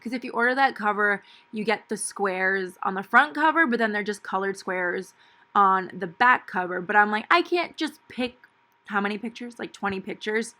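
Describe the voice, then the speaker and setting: Young woman rambling about her week, super chatty w/ tons of "like", kinda crisp bright sound. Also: mid-range voice, moderate pace. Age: young adult. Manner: chatty, filler-heavy with lots of "like". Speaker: planner vlogger. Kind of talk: casual voice-over chat.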